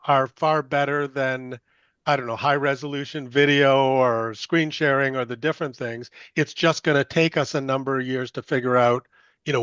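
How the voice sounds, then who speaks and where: A man's voice: medium pitch, fairly bright tone, dry recording. Enthusiastic man on a muffled mic. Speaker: tech podcast co-host. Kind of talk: panel discussion. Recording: dull, muffled dry mic.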